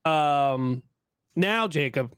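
A man from Texas hosting a casual podcast chat, telling stories with lively acted-out quotes and frequent laughter. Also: on the high side, very slow, clear, resonant tone, no echo, studio quality. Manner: animated, laughing storyteller who acts out quotes. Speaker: podcast host.

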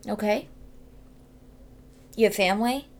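A woman's voice: mid-range voice, a little slow. A woman co-hosting and producing a podcast, chatting casually with brief, easygoing replies. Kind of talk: casual on-air chat.

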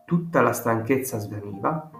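A man narrating an audiobook in a measured, animated storytelling manner, in a roomy recording with faint guitar music. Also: mid-range voice.

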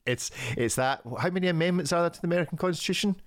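A man's voice: a little high, rapid-fire. A man hosting a casual podcast chat, teasing his guests and laughing often. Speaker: podcast host.

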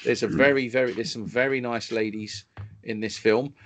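A man's voice: mid-range voice, fairly even intonation, moderate pace, a little hiss or hum. A man co-hosting a film podcast, talking casually and enthusiastically, often restarting his sentences. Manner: enthusiastic, stumbling over restarts. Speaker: podcast co-host reviewing films. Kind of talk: casual chat.

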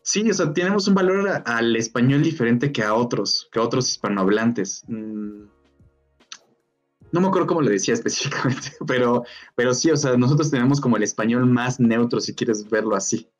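A man's voice: mid-range voice, lively intonation, fairly quick. A young Mexican man in casual chat as a podcast co-host, rambling and searching for words. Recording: dull lo-fi sound, faint music.

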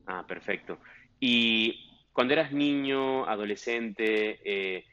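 A man's voice: lowish voice, slow, muffled recording, a crowd in the background. A man hosting a news podcast for immigrants, asking questions in a friendly way with short affirmations. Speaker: podcast host. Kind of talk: podcast interview and ad read.

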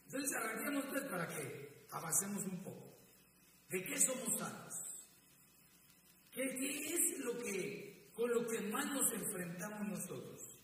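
A man's voice: high-pitched, expressive, unhurried, fairly bright tone, a little hiss or hum. A middle-aged man preaching a sermon in a church hall, often calling the listeners brother and repeating his words. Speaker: pastor. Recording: echoey hall, mic at a distance.

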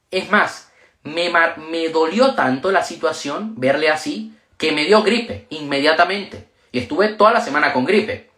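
A man telling a personal story on a livestream, animated and emotional, with sudden leaps in pitch. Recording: roomy echo.

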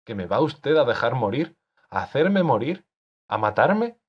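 Man doing a husky, low-voiced anxious young man in an audiobook, pleading and agitated; dull lo-fi recording. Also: expressive, normal speed. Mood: alarmed. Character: anxious young man defying his author.

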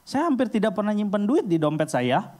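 Animated man preaching in slang. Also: a little fast. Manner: animated, acts out little scenes with sudden high jumps in pitch. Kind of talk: casual storytelling sermon.

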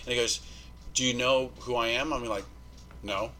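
A man's voice: medium pitch, normal speed, slight background noise, rough recording. A man telling a story as a podcast guest in casual, profane talk, acting out the people he quotes. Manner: animated, profane, acts out quoted dialogue.

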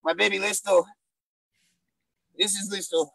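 A man doing a gravelly gorilla comic. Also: sits high, level tone, a little slow, dry recording, heavily acted, low-quality recording. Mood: boastful. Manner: broken-English put-on accent, loud bursts. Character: gruff male gorilla stand-up comic, bragging and silly. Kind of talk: improvised comedy character interview.

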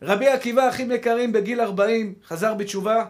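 A man preaching a sermon as a rabbi, impassioned and repeating phrases for emphasis, calling his listeners brothers. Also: high-pitched. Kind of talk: Torah sermon to a congregation.

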